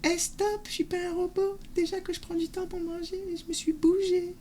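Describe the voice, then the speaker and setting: A man squeaking as a shrill cartoonish young woman. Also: flat delivery, normal speed, a little mellow, a little hiss or hum. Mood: whiny. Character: young woman with a high cartoonish anime-dub voice.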